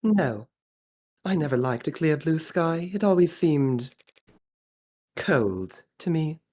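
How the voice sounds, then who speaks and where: Woman putting on a posh Australian executive, animated pitch. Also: slow, slight background noise. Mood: wistful, composed. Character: posh Australian corporate executive woman, cool, composed, wistful. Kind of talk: character voice reading game dialogue. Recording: music playing behind the voice.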